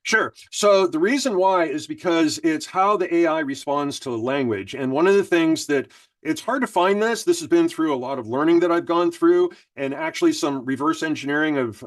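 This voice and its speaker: A man's voice: fairly high pitch, dry recording, recorded from a distance. A man presenting a webinar, casually explaining and reading prompts aloud. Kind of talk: instructional webinar talk.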